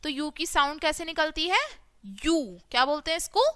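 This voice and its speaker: High, bright-voiced woman teaching phonics. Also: steady tone, no room sound. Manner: asks questions and answers them herself, drawn-out letter sounds. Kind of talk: children's phonics lesson.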